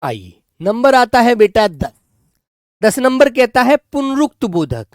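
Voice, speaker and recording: A male teacher giving a grammar lesson to children, slowly dictating and repeating words so they can write them down, and speaking affectionately to his pupils. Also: very high voice, big pitch swings, dry recording, clean studio sound. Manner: affectionate, calls students "beta".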